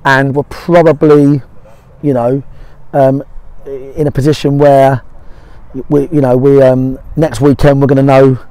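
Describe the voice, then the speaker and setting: A middle-aged man speaks as a football manager after the game, his medium-pitched voice dark, flat, and a little slow. He's blunt and matey, repeating short phrases for emphasis, outdoors on an empty pitch by a small stand, in a low-quality recording.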